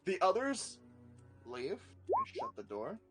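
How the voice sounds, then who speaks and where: A man narrating a tabletop game as game master in a lively, swearing storytelling manner. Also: high voice, slow, over loud music. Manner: animated, swearing, laughing storyteller.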